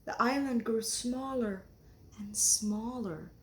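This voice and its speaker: Her voice on the high side, a woman reads a children's tale in a teacherly manner, deliberate and expressive, stopping to explain as she goes.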